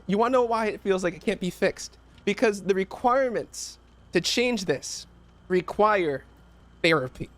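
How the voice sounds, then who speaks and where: A man reacting to a video in casual, animated commentary, rambling and swearing as he tells stories. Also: high-pitched.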